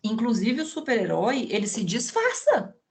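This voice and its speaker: A woman's voice: fairly high pitch, huge pitch swings, normal speed. A woman psychologist in an online conversation, explaining with everyday examples and frequent tag questions over a video call.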